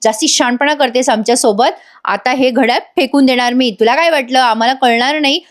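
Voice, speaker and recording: A woman's voice: sits high, fairly quick, close to an everyday voice. A woman voicing a rude, scheming female kidnapper who taunts and scolds her captive, in a serial recap. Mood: harsh scolding.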